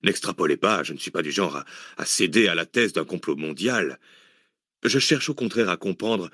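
A man voicing a learned male scholar who lectures in a measured tone in an audiobook. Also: low-pitched, fairly bright tone, dry recording, studio quality. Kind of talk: audiobook character voice.

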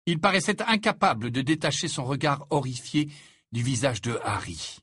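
A man reading scripted narration for an audiobook in an expressive, even manner. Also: medium pitch, moderate pace, breathy edge, no room sound, clean studio sound.

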